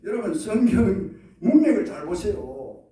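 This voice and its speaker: A male pastor preaching a sermon, animated, acting out quoted prayers and leading the congregation to repeat after him. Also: sits high, measured pace. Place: church sanctuary. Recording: echoey church hall from far off.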